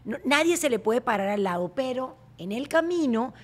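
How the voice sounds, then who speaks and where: A woman hosting a podcast, lively and quick to jump in during casual chat. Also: fairly high pitch. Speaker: podcast host.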